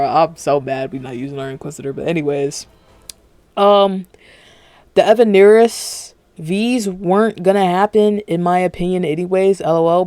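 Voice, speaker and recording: A man with a slightly high, darkish voice rambles through late-night reaction commentary on a casual stream, profane and constantly cutting himself off, all while wearing dental retainers. The recording is dry.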